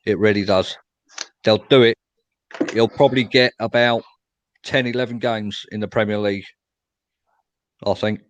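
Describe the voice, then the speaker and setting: A man's voice: lowish voice, steady tone, normal speed, long pauses, a little hiss or hum, rough recording. A young man hosting a casual fan chat after a match, reading out viewer comments and answering them. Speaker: fan show host.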